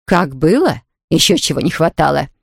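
A woman's voice: deep voice, animated, moderate pace, vocal fry, husky, dry recording, exaggerated voice. A prim, easily offended aunt, as a woman reader plays her in an audiobook, grumbling with indignation. The voice is dry and close to the mic. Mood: indignant. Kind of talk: audiobook character reading.

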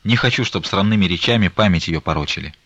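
A man reading the part of a stern, grieving old merchant, talking in a slow, weighty, reproachful way. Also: low voice, fairly bright tone, dry recording, highs cut off.

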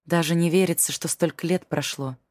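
A woman voicing a gentle, soft-spoken middle-aged mother who talks in a coaxing way. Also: fairly low pitch, steady tone, fairly quick, no room sound, clean studio sound, natural voice.

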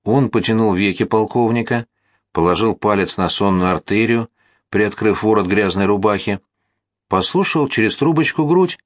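Low-voiced man narrating an audiobook. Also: dry recording, studio quality. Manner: measured, steady storytelling.

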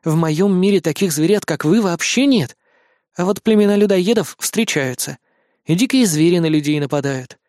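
A man's voice: sits high, normal speed, a little mellow, no echo, natural voice. Earnest schoolboy voiced by a man; plain, close to the reader's own voice. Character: honest fifth-grade boy.

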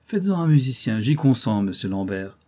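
A man's voice: mid-range voice, sing-song, a little fast, warm tone. A man voicing a gracious, kindly young princess in a storybook reading.

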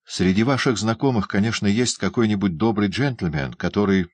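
A young fallen woman, torn and imploring, speaks with passion in a storybook reading, voiced by a man. The voice sits very low and deep, close and dry with no room around it. She begs and insists with heavy feeling. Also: moderate pace, no room sound, close to an everyday voice. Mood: pleading. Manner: emotional, imploring. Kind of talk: audiobook character reading.

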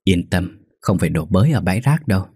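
A man doing a gruff, protective street boy. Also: deep voice, animated, a little fast, warm tone, no room sound, studio quality, heavily acted. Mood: coaxing. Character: poor older boy, tough, protective big brother.

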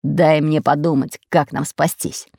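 A woman voicing a fat, red-bearded, bossy pirate captain in an audiobook, speaking in a gruff, commanding way. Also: low voice, fairly even intonation, unhurried, dark tone, no echo, exaggerated voice. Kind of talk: audiobook character voice.

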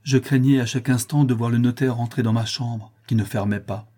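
A man's voice: medium pitch, fairly even intonation, fairly quick, warm tone, breathy edge, natural voice. A man voicing a frightened young woman who anxiously confides a painful secret in a storybook reading. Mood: fearful.

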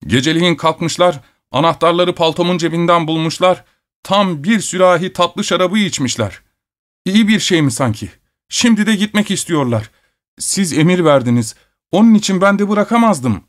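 A man's voice: high voice, animated, normal speed, pitched above the performer's own voice. A man voicing a fussy older male servant, complaining in a raised voice. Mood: fussing.

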